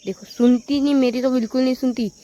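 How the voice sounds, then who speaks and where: A woman chats to viewers in a casual vlog about her dog, talking at a quick pace in a steady tone. She keeps saying "look, look" and scolds the dog with sharp, high calls. The audio is poor, with outdoor noise and crickets.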